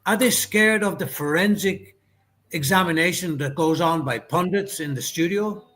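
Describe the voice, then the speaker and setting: A man's voice: high-pitched, normal speed, fairly bright tone. A man, a former top-level referee, talking as a guest over a video call, thoughtful and questioning, with frequent ums. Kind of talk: casual chat on a video call. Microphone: video call mic.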